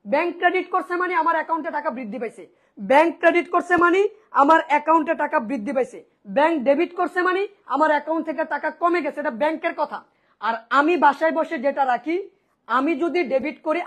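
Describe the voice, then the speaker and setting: A woman's voice: high-pitched, quick pace. A woman teaching an online accounting class, asking and answering her own questions and repeating key points, often checking whether students follow.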